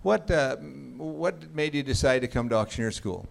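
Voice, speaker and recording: A man emcees a live auction, calling names across the room and joking with the crowd. His voice sits at an ordinary middle pitch and carries loudly over the audience. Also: normal speed, vocal fry. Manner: jokey, booming crowd address. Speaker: auction host.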